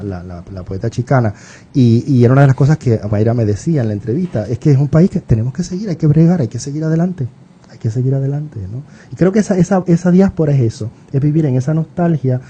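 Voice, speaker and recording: A man's voice: mid-range voice, mellow, husky, lo-fi sound. A middle-aged man with a Puerto Rican accent, a writer and professor chatting as a radio guest, reminiscing with fillers and restarts. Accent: Puerto Rican Spanish. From Puerto Rico. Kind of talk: casual radio interview.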